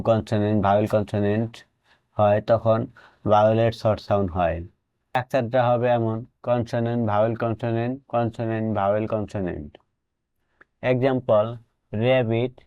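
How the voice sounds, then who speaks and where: A man with a Bangladeshi accent narrates a reading lesson in a calm, methodical way, stopping to spell words out letter by letter. His voice is mellow and smooth, recorded close and dry with no room sound. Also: fairly low pitch, dry recording. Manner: slow, spells out letters one by one. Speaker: English teacher. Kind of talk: scripted tutorial narration.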